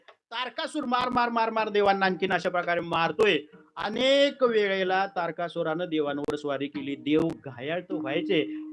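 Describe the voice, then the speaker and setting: A man performing a kirtan, telling a sacred story in a lively, dramatic way with comic asides. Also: high voice, low-quality recording.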